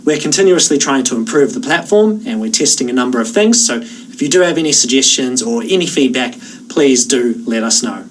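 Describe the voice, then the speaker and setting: A man with a New Zealand accent, an online course instructor explaining how the course works in a relaxed, conversational way. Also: mid-range voice, fairly quick, recorded from a distance, a little hiss or hum, rough recording. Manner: relaxed, conversational, with frequent "uh" fillers. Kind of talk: course orientation talk to camera.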